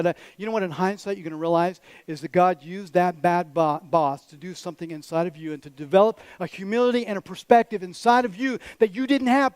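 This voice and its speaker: A man's voice: sits high, no room sound. A man preaching a sermon as a pastor, direct and conversational, with teasing asides to the congregation. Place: church.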